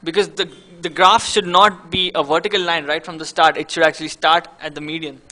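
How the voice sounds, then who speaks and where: A man's voice: a little high, flat delivery, fairly quick, sharp tone. A man from India co-casting a live esports match, rambling and conversational, often breaking off mid-sentence. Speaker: guest esports caster.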